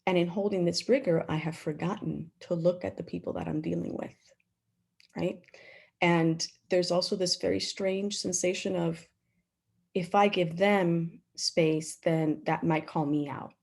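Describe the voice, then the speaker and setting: A woman's voice: lowish voice, steady tone, a little slow, creaky, darkish tone, breathy edge. Earnest reflective woman panelist. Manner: reflective, earnest, tags points with "right?". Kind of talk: panel discussion over video call. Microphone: video call.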